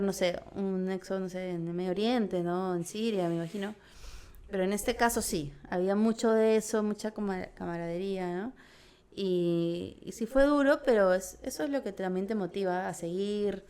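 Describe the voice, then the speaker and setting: A woman's voice: medium pitch, darkish tone, smooth. A woman with a Peruvian accent, talking casually as an interview guest, rambling with many tag questions and restarts. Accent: Peruvian Spanish. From Peru. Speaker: documentary filmmaker guest.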